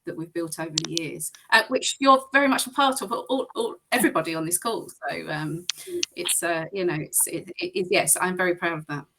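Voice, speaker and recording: A woman panelist speaking haltingly, repeating her words. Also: fairly low pitch, gravelly, background noise.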